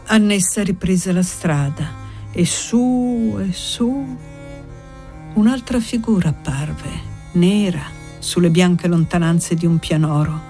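A woman narrating a classic novel as an audiobook, reading in a measured, expressive way. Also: lowish voice, soft background music. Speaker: audiobook reader.

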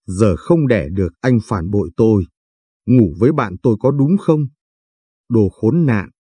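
Man reading as enraged betrayed wife, low husky voice, dark tone, dry sound. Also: animated, measured pace, dry recording. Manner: shouting accusations. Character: wronged young wife, furious and heartbroken.

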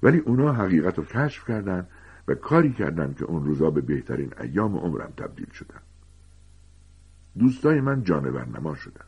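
A man's voice: low voice, breathy edge, exaggerated voice. A man doing a weary, confiding teacher. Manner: calm, confiding storytelling. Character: gentle, weary grown male teacher confessing secrets. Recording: dull lo-fi recording.

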